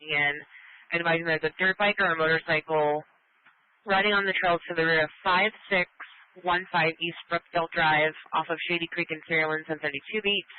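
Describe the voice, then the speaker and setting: A man's voice: fairly high pitch, dry recording. A male dispatcher giving clipped, procedural calls over a two-way radio, repeating addresses. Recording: tinny dry radio channel.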